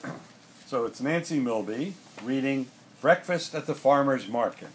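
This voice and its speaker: A man's voice: mid-range voice, lively intonation, moderate pace. A man hosting a reading event, introducing the next reader in casual chat. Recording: noisy, crowded room.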